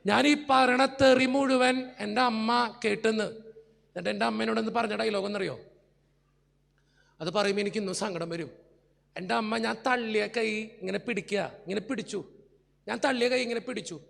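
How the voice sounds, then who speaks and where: A man's voice: high voice, steady tone, fairly quick, creaky, fairly bright tone, big-room sound. A male priest giving an emotional sermon full of personal stories, speaking earnestly and pleading straight with his congregation.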